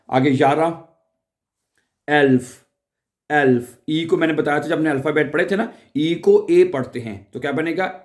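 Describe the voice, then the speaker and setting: A man teaching a beginners' language lesson, patiently repeating words slowly and asking the listener questions. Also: medium pitch, darkish tone. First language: Urdu. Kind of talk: casual spoken lesson.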